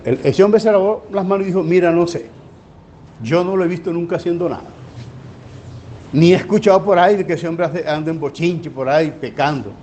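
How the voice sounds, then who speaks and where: A high-voiced male pastor teaching a church class in a folksy, storytelling way. He fires rhetorical questions at the congregation, and the live church recording has a faint hum of background noise. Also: a little fast, darkish tone. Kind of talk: sermon teaching.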